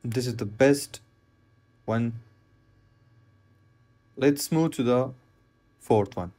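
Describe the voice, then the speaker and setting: Slow-talking man explaining knot tying. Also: mid-range voice, dark tone. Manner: plain, repetitive step-by-step instructions with non-native phrasing. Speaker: fishing knot instructor. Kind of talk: hands-on tutorial voice-over.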